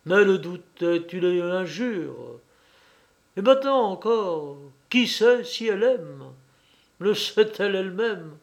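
A man's voice: high voice, lively intonation, slow, exaggerated voice. A man reading the part of a shrewd, devoted young hunchback who speaks fervently and slyly.

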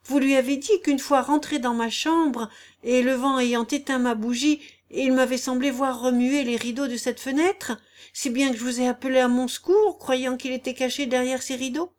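Woman playing a coy lady from a storybook, high voice, breathless, keeps pushing questions. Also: moderate pace, hardly any pauses, close to an everyday voice. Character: coy, flustered noblewoman feigning innocence.

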